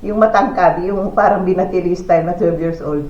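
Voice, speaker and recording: This low-pitched woman from the Philippines speaks at normal speed while telling a story in a casual family vlog filmed indoors at home. She's chatty, with lots of fillers and exclamations. The room echoes and the sound is dull and lo-fi.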